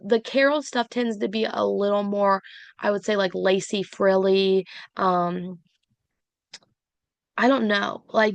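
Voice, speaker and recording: A woman vlogger with a hoarse voice that is not fully back, chatting in a rambling way with many fillers as she recaps her weekly resale sales. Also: medium pitch, no room sound. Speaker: reseller vlogger. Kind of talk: casual sales recap vlog.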